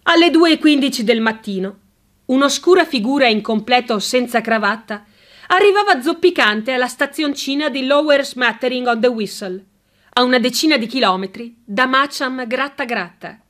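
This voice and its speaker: A woman narrates a humorous audiobook in a high, clear voice. Her reading is lively and expressive, and each phrase is well shaped. The narration is steady and scripted. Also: moderate pace.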